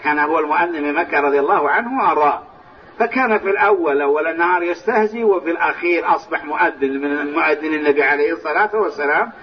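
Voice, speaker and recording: A man teaching a lesson on hadith, explaining the texts step by step and softly reciting phrases of the call to prayer, heard in an old recording from a large mosque. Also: on the high side, racing. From Saudi Arabia. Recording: distant, dull, lo-fi old recording with faint hiss.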